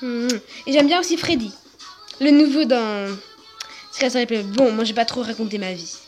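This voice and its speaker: A woman's voice: a little high, moderate pace, a little mellow, faint music behind, lightly acted. A woman voicing a theatrical young man who plays up his mystery, in a toy video role-play. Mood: dramatic. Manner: dramatic, self-important.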